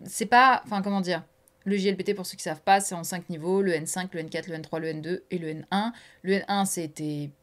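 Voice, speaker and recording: A woman's voice: fairly low pitch, fairly even intonation, a little fast. Rambling casual woman guest. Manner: loose, rambling, heavy fillers and casual swearing. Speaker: podcast guest. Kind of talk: casual interview chat.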